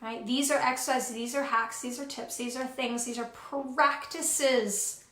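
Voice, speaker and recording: A woman's voice: fairly high pitch, fairly even intonation, unhurried, fairly bright tone. A woman co-hosting a motivational pep talk, encouraging and stacking up repeated phrases for emphasis. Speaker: co-host. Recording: roomy echoey sound.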